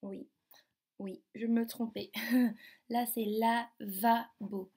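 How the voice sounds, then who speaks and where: A woman teacher giving a phonics lesson to young children, slowly sounding out syllables and words. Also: a little high, flat delivery, dark tone, breathy edge. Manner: slow, carefully articulated, sounding out syllables. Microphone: device camera.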